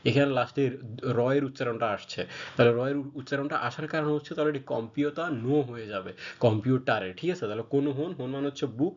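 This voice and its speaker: A man walks beginners through grammar in a relaxed, conversational lesson. He fills pauses with small hesitations and keeps checking that his students are following. The recording sounds somewhat muffled and lo-fi. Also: mid-range voice. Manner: patient, frequent fillers and check-ins. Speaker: Japanese language teacher. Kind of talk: casual explanatory lesson.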